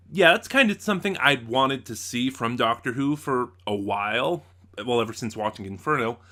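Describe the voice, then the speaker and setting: A man with a medium-pitched, sharp-toned voice hosts a review channel. His review is casual and unscripted, rambling along with many asides and self-corrections.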